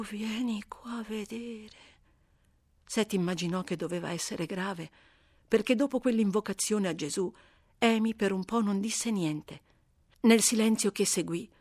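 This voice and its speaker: A woman reading a novel aloud as an audiobook narrator, measured and expressive. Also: fairly low pitch, no room sound, studio quality. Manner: measured, expressive, dramatic slowing. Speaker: audiobook reader. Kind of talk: scripted literary narration.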